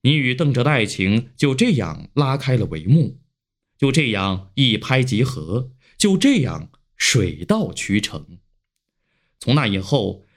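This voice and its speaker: A man narrating a romantic story in an expressive, emotive reading voice. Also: mid-range voice.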